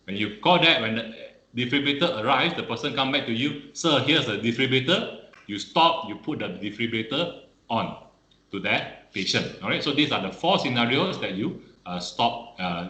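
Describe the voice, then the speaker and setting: A man's voice: medium pitch, pushed and bright, reverberant, low-quality recording. A man teaching first aid on an online webinar, peppering his speech with "all right" and "okay".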